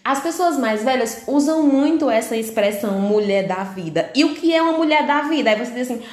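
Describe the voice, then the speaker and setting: Brazilian woman teacher, kinda high voice, online class, acts out comic strips, echoey room. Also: lively intonation, brisk, a little mellow. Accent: Brazilian Portuguese. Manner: explains step by step, asks the class questions, acts out comic-strip dialogue. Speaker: Portuguese language teacher. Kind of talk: remote online lesson.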